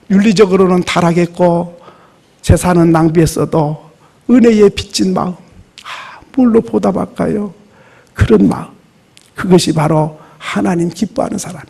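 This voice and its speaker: Gravelly, husky Korean pastor preaching. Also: male voice, high-pitched. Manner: animated preaching, acting out quoted voices. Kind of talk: sermon.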